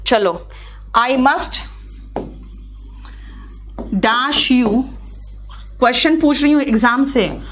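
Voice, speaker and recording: A fairly high-voiced woman with an Indian accent teaches an English class in Hindi. She speaks patiently and reads example sentences slowly and deliberately. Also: a bit bright, slight background noise. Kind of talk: live online class, answering student questions.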